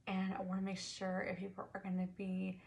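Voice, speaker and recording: A young woman in a soft-spoken, ASMR role-play as a librarian, murmuring to herself in a small bedroom. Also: medium pitch, monotone, brisk, gravelly. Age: young adult. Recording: noisy, with clicking and tapping.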